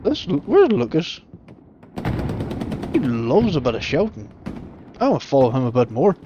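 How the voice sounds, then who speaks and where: A man chats loosely through a live game stream, joking and swearing as he watches the action. His voice sits in a plain middle pitch and comes through a dull, muffled stream mix. Gunfire and explosions from the game play loudly over him. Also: very animated, moderate pace, noisy background. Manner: sweary, jokey, laughs often. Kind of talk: casual live game commentary. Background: gunfire, artillery and vehicles from the game.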